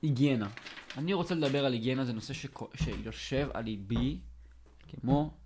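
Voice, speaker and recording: A man's voice: mid-range voice, slight background noise. Joking man telling a podcast story. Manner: joking storyteller, lively and teasing. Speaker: podcast co-host. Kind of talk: casual podcast chat.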